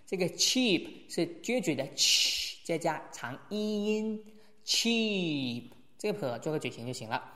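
A male teacher giving a spoken English lesson, slowly modelling phrases and then explaining them in quick asides. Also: high-pitched, a bit bright, long reverb tail.

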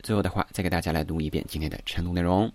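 A man teaching English usage in a morning reading lesson, explaining patiently and then reading English lines slowly. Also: deep voice, steady tone, darkish tone, dry recording.

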